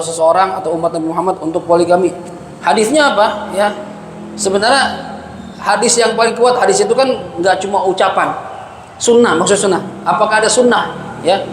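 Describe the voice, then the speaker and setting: A man with a fairly high voice teaches a mosque study session in a relaxed, talkative way, quoting Arabic and slipping into casual slang. The sound is roomy and echoey, with a faint hiss underneath. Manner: chatty and lively, mixes Arabic citations with casual slang and chuckles. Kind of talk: colloquial religious lecture answering a question. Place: mosque hall.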